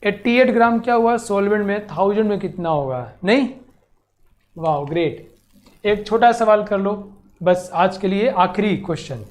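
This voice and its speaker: Animated, teasing male chemistry teacher. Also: sits high. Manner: animated and teasing, repeats words rapidly, coaxes students; mixes English terms into Hindi speech. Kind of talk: live online coaching lecture.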